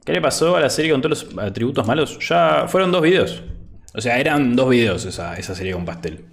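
His medium-pitched voice is gravelly, animated and a little fast: an Argentine Spanish speaker in his twenties casually chatting on a gaming livestream. Wearing an over-ear headset indoors at home, he's relaxed and talkative, often saying "boludo" and reading chat aloud.

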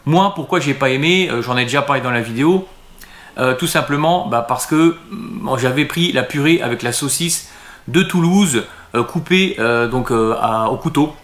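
A man's voice: medium pitch, normal speed, fairly bright tone, reverberant. A man talking casually to camera as a restaurant vlogger, hesitant and full of fillers and restarts.

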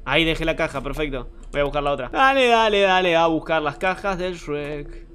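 A man's voice: a little high, expressive, a little fast, a bit bright, faint music behind. A young man with an Argentine accent, joking and swearing often as he gives live commentary on a horror game. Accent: Argentine Spanish. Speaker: streamer.

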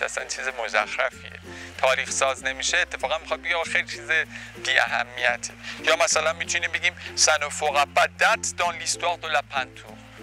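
A man teaching French in a video lesson, saying example phrases slowly and carefully between quicker explanations. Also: medium pitch, vocal fry, pushed and bright. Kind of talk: language lesson.

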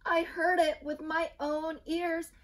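A woman voicing an excitable, panicked little female chick in a storybook, with emphatic, drawn-out alarm. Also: very high-pitched, pitched above the performer's own voice, heavily acted. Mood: insistent, dramatic.

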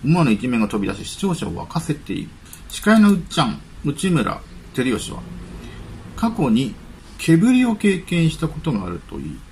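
Gravelly, lively-voiced man musing on news. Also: a little high, moderate pace, slight background noise. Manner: reads news items aloud, then muses with chatty asides. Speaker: channel host. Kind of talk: casual commentary on celebrity news.

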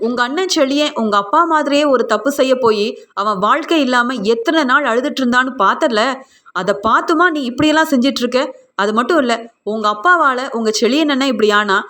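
A woman's voice: high-pitched, animated, fast talker, a bit bright. A woman voicing a hurt middle-aged mother who reproaches her daughter in an aggrieved tone. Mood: reproachful.

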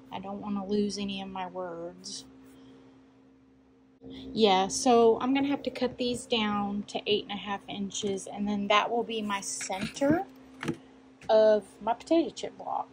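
A woman hosts a quilting channel tutorial at the cutting table in her sewing room, chatting and thinking aloud while she measures and cuts fabric. Her voice is medium-pitched and a little mellow, though the recording is rough with a bit of hiss or hum.

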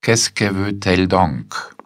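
A man's voice: sits low, animated, slow pace, dry recording, voice pushed up. A man voicing a stiff, formal old general who asks curtly, in a spoken story.

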